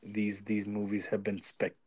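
A man's voice: lowish voice, completely flat delivery, unhurried, a little mellow, slightly rough. A young man co-hosting a podcast, talking casually with many restarts, fillers and swearing. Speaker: podcast co-host. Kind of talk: casual chat.

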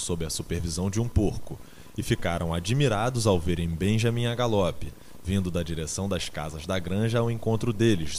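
A man narrating an audiobook in a measured, dramatic storytelling manner. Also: lowish voice, darkish tone, slight background noise.

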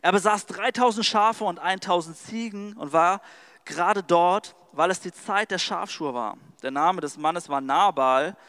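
A man's voice: high-pitched, fairly bright tone, in a large hall. A male preacher giving a sermon. He retells scripture in casual, slangy language and talks straight to the audience. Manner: casual and slangy storytelling, addresses the audience directly.

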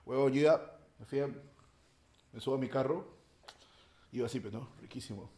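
A young man with a Peruvian accent, telling a comic anecdote in a slangy, animated casual chat. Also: mid-range voice, normal speed, echoey room. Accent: Peruvian Spanish. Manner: animated, slangy, acts out voices in his anecdotes. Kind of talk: casual comedic storytelling.

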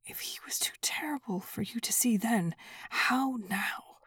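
A woman voicing a frightened old husband in a whispered role-play, halting and trembling. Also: mid-range voice, warm tone, no echo, studio quality, exaggerated voice. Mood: shaken. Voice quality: breathy whisper.

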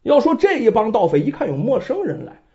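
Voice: mid-range voice, a little fast. A storyteller narrating a bandit tale in a dramatic traditional style, with chatty asides to the listener. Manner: lively, dramatic, conversational asides. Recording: dull lo-fi recording.

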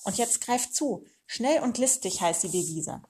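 A woman voicing a gruff, bossy old male meerkat uncle who barks orders. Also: medium pitch, animated, a little slow, darkish tone. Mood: coaching. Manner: barking commands.

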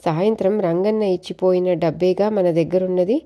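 A man's voice: high voice, steady tone, normal speed, warm tone, close to an everyday voice. A woman voicing a cowardly, stingy male merchant who talks nervously and pleads, in a read-aloud storybook tale. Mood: pleading.

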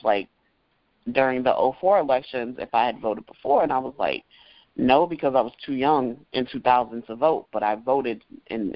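A man in his thirties co-hosting a casual podcast, talking in a chatty, animated way with plenty of filler words. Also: mid-range voice, no room sound. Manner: chatty and animated, with many ums and likes. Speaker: podcast co-host. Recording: dry, dull lo-fi audio.

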